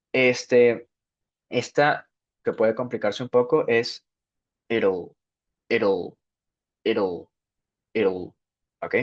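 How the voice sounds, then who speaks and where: A man giving a spoken English grammar lesson, explaining step by step and checking in with "ok" after each point. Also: medium pitch. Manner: slow, repeats "ok" to check understanding. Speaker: English teacher. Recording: dull lo-fi sound.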